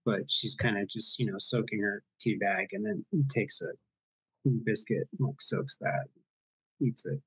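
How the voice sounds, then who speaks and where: A man's voice: fairly low pitch, a little slow, a bit bright, breathy edge, no echo, rough recording. A man running a tabletop game, talking in a loose, rambling way. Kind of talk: casual tabletop game talk.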